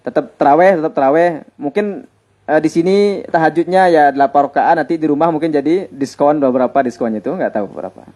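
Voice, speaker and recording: A man's voice: fairly high pitch, quick pace, a little mellow. A man, a teacher at an Islamic boarding school giving students holiday advice in a conversational way, repeating his points for emphasis.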